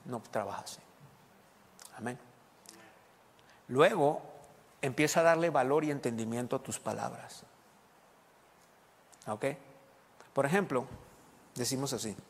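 A man's voice: medium pitch, measured pace, long pauses. A man preaching a sermon as pastor, explaining scripture and putting questions to the congregation. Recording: long reverb of a large hall.

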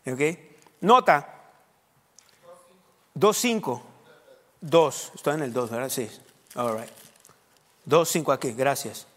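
A man with a mid-range, animated voice preaches slowly, leaving long pauses. He delivers a teaching sermon in a church hall, quizzing the congregation and dropping in English fillers, and the hall's echo comes through in the recording.

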